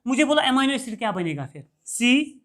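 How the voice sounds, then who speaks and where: A man with a very high voice lectures at a quick pace, regularly checking whether his students follow along. He poses a question, repeats the key term, then answers it himself, keeping up a steady call-and-response.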